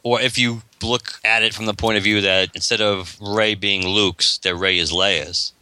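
A man co-hosts a podcast, explaining points at length in a relaxed way. His voice sits fairly low but sounds very bright. The recording is dry and close. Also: measured pace, clear, resonant tone, no room sound. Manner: explains at length, reading passages aloud. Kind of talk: casual discussion.

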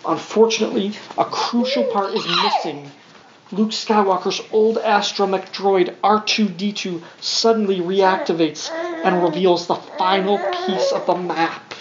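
Reading slightly slowly in a high-pitched voice, a man narrates a children's storybook for his young son and drops in playful, wry side comments. The recording is dull and lo-fi, with faint background noise.

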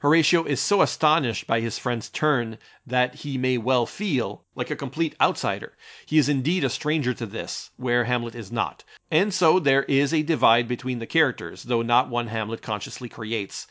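A man delivering scripted analytical commentary as a critic, in a measured, literary, explanatory way. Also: mid-range voice, a bit bright. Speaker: narrator and film critic. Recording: dull, slightly lo-fi voice track.

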